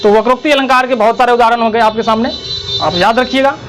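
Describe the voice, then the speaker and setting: A man teaching a grammar lesson, asking the class questions and answering them himself, with examples repeated slowly. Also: extremely high pitch, fairly even intonation, fairly bright tone, slight background noise, rough recording.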